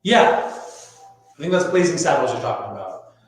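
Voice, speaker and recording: A man's voice: medium pitch, big pitch swings, moderate pace. A man hosting a live-streamed trivia game show, playful and showy, chatting casually with viewers in a very echoey space. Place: echoey room. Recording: very echoey reverberant space, music behind. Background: music.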